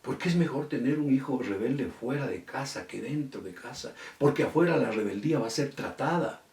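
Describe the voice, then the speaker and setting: A middle-aged man preaches a sermon as pastor, telling a story and acting out what the people in it said. His voice is mellow and dark. He is heard from a distance in an echoey church. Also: medium pitch, animated, brisk, creaky. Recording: echoey room from far off.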